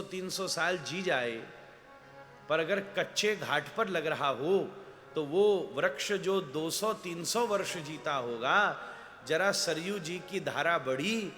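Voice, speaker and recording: High, bright-voiced man preaching in a hall. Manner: storytelling with acted quotes, rising and falling emphasis. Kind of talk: Hindi devotional sermon. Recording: long hall reverb with soft instrumental music.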